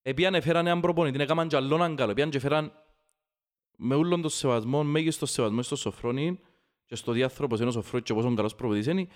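A man with a Cypriot Greek accent talking football casually, opinionated and emphatic, repeating phrases to drive his point home. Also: medium pitch. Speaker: football fan podcast host. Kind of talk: casual heated football discussion.

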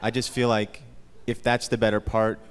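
A man's voice: lowish voice, little pitch movement, normal speed. A man performing live sketch comedy in an earnest, exasperated way. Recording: live stage show with crowd and hall echo.

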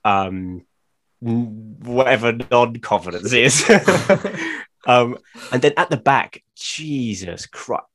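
Casting: lively male co-host, blunt opinions, quick laughs, pitch swinging up and down. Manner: animated, blunt, laughs often. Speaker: podcast co-host. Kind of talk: casual football chat.

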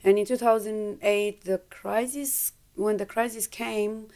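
Romanian-accented woman in her fifties. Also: medium pitch. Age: 50s. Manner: halting, searching for words, animated retelling. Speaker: guest. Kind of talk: conversational interview.

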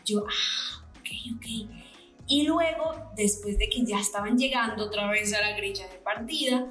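On a podcast, a female co-host casually recaps a race, acting out her own reactions with gasps and whispers. Her mid-range voice has a fairly bright tone and a moderate pace, and the reverberant recording carries soft background music.

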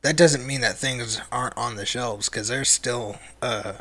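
Young man, podcast co-host, casual chat, halting, filler-heavy, middle pitch. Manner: relaxed, halting, many fillers and restarts.

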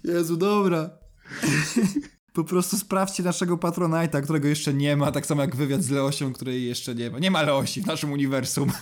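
A young man co-hosting a relaxed podcast, talking in a fairly high voice. He chats easily, laughs often and swears in jest. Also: a little fast, hardly any pauses. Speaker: podcast co-host. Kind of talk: casual podcast chat.

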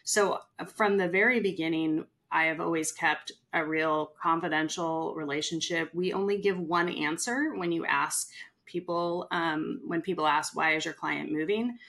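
On a casual podcast, a chatty, animated middle-aged woman from California talks at normal speed about her work in real estate. Her voice is low with a creaky, gravelly texture, and she acts out quotes by taking on the voices of those she's quoting.

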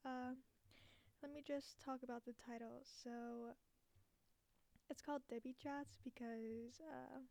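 Young woman under a blanket, creaky and high. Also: steady tone, slow, long pauses, darkish tone, no echo. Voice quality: muffled, as if talking under a blanket. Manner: giggly, self-deprecating. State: slightly breathy from the warmth under a blanket. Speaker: podcast host. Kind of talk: casual, unscripted solo podcast chat. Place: small dorm room, under a blanket. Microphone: cheap basic recording gear, close up.

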